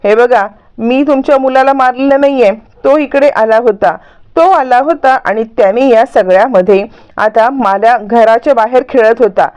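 A proud, hot-tempered tenant woman, put on by a woman narrator snaps and threatens in a high, raised voice. The tone stays smooth and clear even at her angriest, every line an accusation. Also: moderate pace, highs cut off, lightly acted. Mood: scolding.

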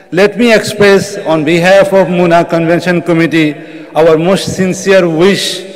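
A middle-aged man giving a formal welcome speech from a podium microphone in a large convention hall. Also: on the high side. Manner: reads a prepared address at a podium.

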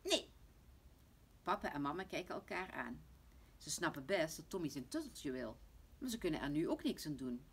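A woman reading a bedtime story aloud in a gentle way, with a low, husky, breathy voice. Her reading is very expressive, rising and falling widely. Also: fairly quick. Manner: gentle, hushed toward the end. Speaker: reader.

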